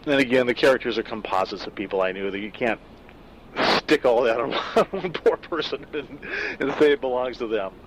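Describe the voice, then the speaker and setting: Here an author, a middle-aged man from Southern California, reflects on his own story in a relaxed, conversational afterword, leaning heavily on fillers. He speaks at a normal pace in a mid-range voice, with background noise audible.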